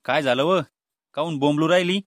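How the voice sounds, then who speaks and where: Man voicing an exasperated middle-aged father, Vidarbha Marathi accent, fairly high voice, pleading, dry close sound. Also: brisk, no echo, lightly acted. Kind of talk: cartoon comedy voice acting.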